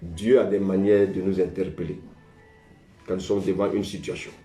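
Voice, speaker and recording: A man's voice: low voice, level tone, normal speed, dark tone, roomy sound, soft background music. A man preaching a sermon as pastor, often saying "beloved" and calling for the congregation's answer. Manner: preaching with call-and-response; repeats "bien aimé" often.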